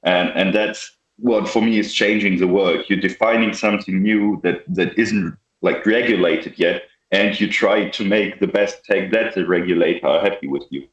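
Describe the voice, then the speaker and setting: A young man with a low voice talks casually as an interview guest, with lots of "like" and restarts. His audio sounds like a roomy, somewhat muffled remote call. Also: normal speed. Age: young adult. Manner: casual, many likes and restarts. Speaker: guest software developer.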